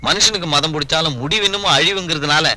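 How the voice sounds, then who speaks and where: An actor playing an earnest atheist companion who explains the human world and pleads on the god's behalf. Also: male voice, a little high, fast talker, bright, forceful tone. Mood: explaining. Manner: explaining, pleading, dry remarks.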